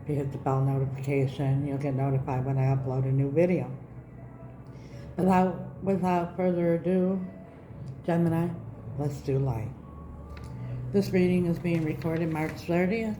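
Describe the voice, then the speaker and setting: A woman with a low-pitched voice reads cards for her online viewers in an earnest, reassuring way. Her consonants are a little slushy and slurred. The room echoes around her, and there is clear noise behind the voice. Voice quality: slightly slurred, slushy speech after mouth surgery. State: recovering from mouth surgery, speech slightly off. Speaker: tarot reader, channel host. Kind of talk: spiritual card reading to online viewers. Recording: roomy echo, background noise.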